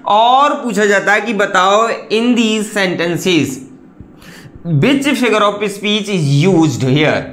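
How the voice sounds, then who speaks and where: A man's voice: high-pitched, sharp tone, echoey room. A man hosting an online English class, explaining in a chatty way with rhetorical questions and lots of repetition. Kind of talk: explaining lesson.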